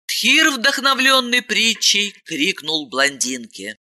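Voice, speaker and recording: A woman narrating a story in an expressive, dramatic reading. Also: medium pitch, slow. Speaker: audiobook narrator. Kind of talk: scripted narration.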